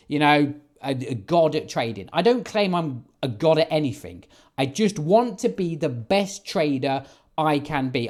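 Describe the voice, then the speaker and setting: A man trading forex, giving an emphatic, casual vlog monologue and often checking in with "right?". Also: on the high side. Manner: emphatic, keeps asking "right?". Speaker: forex trader.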